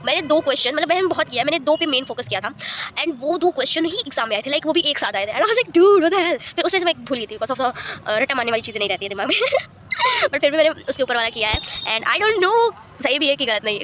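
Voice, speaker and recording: A woman's voice: sits high, sing-song, fast talker, bright, forceful tone, a little hiss or hum. A teenage girl chatting casually in a vlog, rambling on and mixing in English words. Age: teens. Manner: chatty, rambling Hindi-English code-switching. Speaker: vlogger. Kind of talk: casual chat.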